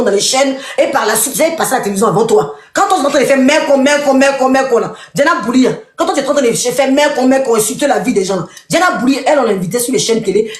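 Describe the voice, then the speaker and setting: A woman's voice: a little high, echoey room. A woman, commentating in a mocking, repetitive live rant aimed straight at a rival. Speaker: online commentator.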